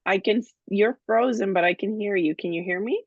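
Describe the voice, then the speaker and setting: A woman talking casually over an unstable video call connection, in a halting way with lots of fillers. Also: medium pitch. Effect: dull, unstable video call connection. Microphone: computer mic on a video call. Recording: dull, dry lo-fi call audio.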